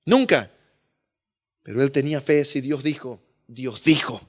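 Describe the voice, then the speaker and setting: A male pastor preaching a sermon with fervor, swinging between loud exclamations and hushed asides and calling listeners beloved brother. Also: medium pitch, unhurried.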